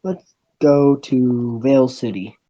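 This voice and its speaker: This is a halting read-aloud of a visual novel, with the narrator giving voice to each line of dialogue. Pitch is medium, and the mic has a dull quality.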